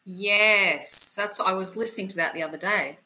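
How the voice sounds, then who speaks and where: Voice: medium pitch, moderate pace, pushed and bright. A podcast co-host chatting casually, mostly giving short encouraging replies and laughing often. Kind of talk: casual chat.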